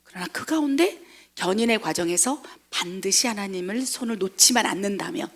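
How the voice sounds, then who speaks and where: A woman missionary pastor preaching a lively sermon, acting out voices and asking the congregation questions. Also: mid-range voice, brisk. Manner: animated, acts out quoted voices; asks the congregation rhetorical questions.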